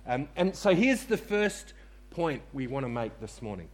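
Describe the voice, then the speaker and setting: A man's voice: mid-range voice, big pitch swings, normal speed. A man preaching a sermon to a congregation in church, repeating key phrases for emphasis and calling on listeners to respond. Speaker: pastor.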